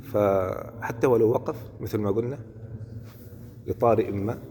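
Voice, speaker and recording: A man's voice: lowish voice, fairly even intonation, normal speed, a little mellow. A man teaching Quran recitation in a religious lesson, explaining step by step and often checking that listeners follow. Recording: hall reverb with faint noise.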